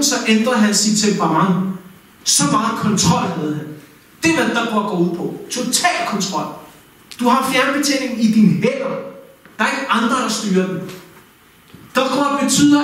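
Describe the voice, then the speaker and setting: High-voiced man preaching in an echoing mosque. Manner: lively, direct preaching with rhetorical questions. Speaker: Islamic teacher. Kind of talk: mosque talk. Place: mosque hall. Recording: very echoey hall, mic far off.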